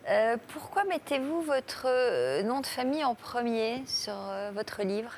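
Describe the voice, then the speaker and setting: A woman hosting a studio talk show, firing quick probing follow-up questions at her guests. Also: on the high side, lively intonation, a little mellow, a little hiss or hum.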